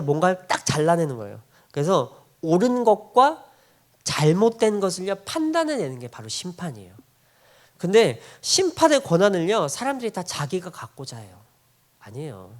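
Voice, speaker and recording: A middle-aged man preaching a sermon as pastor, in an animated, conversational way, asking the congregation rhetorical questions and chuckling between points. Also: high voice.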